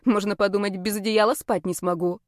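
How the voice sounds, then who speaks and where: A woman narrating a first-person audiobook in a lively, wry, expressive way. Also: medium pitch, brisk, dry recording, clean studio sound. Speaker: audiobook reader.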